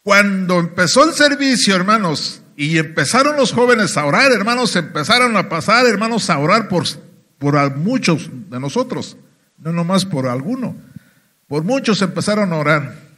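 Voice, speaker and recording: Bright, high-pitched Mexican preacher man. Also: very animated, normal speed. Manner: emphatic, keeps addressing "hermanos". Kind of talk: sermon testimony. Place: church.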